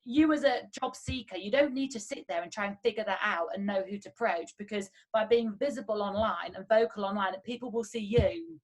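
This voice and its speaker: A woman in her thirties hosting a podcast, chatty and encouraging, with a voice she herself calls deep. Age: 30s. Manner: chatty and encouraging, quick with fillers like "like" and "um". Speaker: podcast host. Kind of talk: casual chat.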